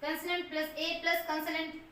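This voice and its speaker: High bright-voiced woman teaching phonetics. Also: monotone, normal speed, recorded from a distance, a little hiss or hum. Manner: explains step by step, spelling words out letter by letter. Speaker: English teacher. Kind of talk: Hindi lesson on English phonetic transcription. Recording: echoey room, voice from off mic, faint ambience.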